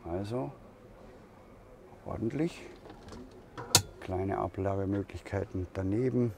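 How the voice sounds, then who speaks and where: A man giving a slow walkaround tour of a camper van at a trade fair, thinking aloud with pauses and fillers. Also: deep voice, gravelly. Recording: crowd noise of a trade fair. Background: crowd chatter of a fair.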